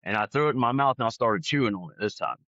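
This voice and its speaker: A man telling his testimony in an animated, conversational way. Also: medium pitch, fast, dry recording, muffled recording. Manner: animated, acts out other people's lines. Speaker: guest sharing his testimony. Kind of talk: conversational storytelling.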